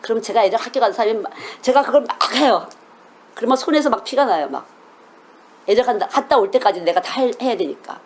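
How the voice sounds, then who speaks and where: A woman's voice: a little high, lively intonation, quick pace. A middle-aged woman preaching a sermon as a children's missionary, earnest and emphatic, often asking her listeners questions.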